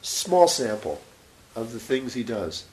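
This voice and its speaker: A man giving a scripture lecture as a religious teacher, short of breath, halting and pausing mid-sentence. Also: mid-range voice, big pitch swings, a little mellow, rough recording. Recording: faint background hiss.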